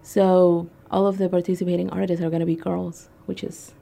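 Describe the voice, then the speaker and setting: Young woman from Peru, radio interview guest, deep gravelly mellow voice, casual with fillers. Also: little pitch movement, brisk. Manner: conversational, frequent ums and uhs. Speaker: guest, arts organizer.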